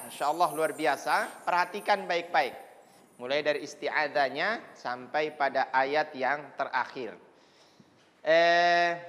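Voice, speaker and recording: A woman teaching children Quran recitation on TV, patiently modeling each verse slowly and counting the pupils in. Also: deep voice, a bit bright, big-room sound.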